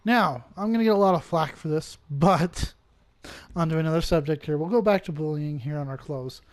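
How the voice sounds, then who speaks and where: A man's voice: fairly high pitch, brisk, no echo. A man co-hosting a casual podcast, talking in an earnest, preachy, ranting way. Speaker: podcast co-host.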